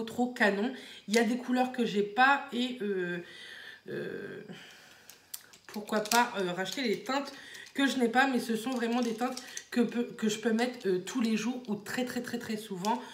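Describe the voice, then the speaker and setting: Woman beauty vlogger, casual and rambling, slightly high voice, echoey room sound. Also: a little slow, slight background noise. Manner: chatty, rambling, many fillers. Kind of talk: casual chat to camera. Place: small room at home.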